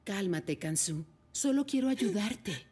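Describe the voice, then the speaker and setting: Una actriz de doblaje que interpreta a una madre tranquila que intenta calmar a su hija. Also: female voice, medium pitch, slow pace, slightly rough. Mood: calming. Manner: soothing, controlled. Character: composed mother calming her daughter. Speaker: mother. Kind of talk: dubbed drama.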